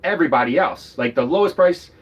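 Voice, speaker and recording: A man's voice: on the high side, animated, fast talker, slightly rough. A man from Philadelphia with a Philadelphia accent, chatting casually on a livestream from inside his RV. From Northeast Philadelphia. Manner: rambling, chatty, joking. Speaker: RV vlogger, co-host. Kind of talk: casual live chat.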